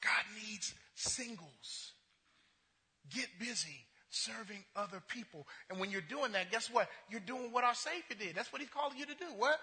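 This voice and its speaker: A male pastor with a piercingly bright, strikingly high voice preaches animatedly at a moderate pace. He keeps restarting, stammering and repeating phrases, veering between loud passion and soft asides, and the church sanctuary adds a long reverb.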